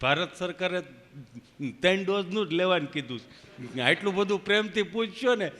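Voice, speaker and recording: A man's voice: high voice, expressive, a bit bright. A man voicing a hesitant, simple-minded village friend who stammers and hums before each answer. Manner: stammers, starts with a slow hum. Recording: long hall reverb, faint music.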